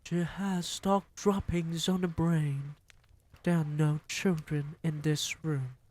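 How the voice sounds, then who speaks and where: Penguasa penyihir perempuan yang bengis, saat seorang pria menirukannya membentak dengan nada tinggi yang dingin dan memerintah. Iramanya lambat dan tegas. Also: male voice, on the high side, fairly even intonation, takes it slowly, darkish tone, pitched above the performer's own voice. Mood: commanding fury. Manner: commanding, screeching orders. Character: ruthless domineering female witch leader.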